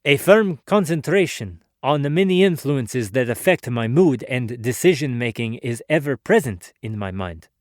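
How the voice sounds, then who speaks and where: A man's voice: medium pitch, lively intonation, no echo, close to an everyday voice. Man voicing earnest inventor Nikola Tesla, dry studio sound. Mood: reflective, earnest. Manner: measured, formal, oratorical. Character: Nikola Tesla, earnest philosophical male inventor reflecting on his life. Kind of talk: dramatic biography narration, formal first-person monologue.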